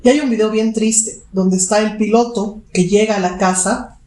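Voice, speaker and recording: A woman's voice: medium pitch, fairly even intonation, normal speed, darkish tone, roomy sound. A woman psychologist, answering interview questions and explaining with vivid examples. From Bolivia. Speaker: guest psychologist.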